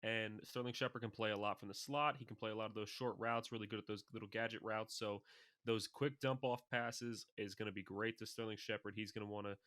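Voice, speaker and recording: A young adult man co-hosting a casual fantasy football podcast, talking in an animated, excitable way. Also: on the low side, fairly quick, no room sound, clean studio sound. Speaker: podcast co-host.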